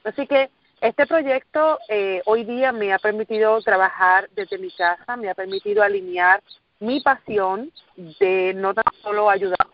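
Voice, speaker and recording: A middle-aged Puerto Rican woman, a motivational speaker, gives an earnest talk in Puerto Rican Spanish and repeats phrases for emphasis. Recorded over a call or conference line, her medium-pitched, measured voice has no room sound and the highs cut off.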